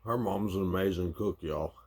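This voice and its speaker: A man's voice: deep voice, moderate pace, a little mellow, breathy edge. A man with a Southern US accent eating on camera, laid-back and giving brief remarks between bites. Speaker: vlogger, mukbang co-host. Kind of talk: casual chat while eating.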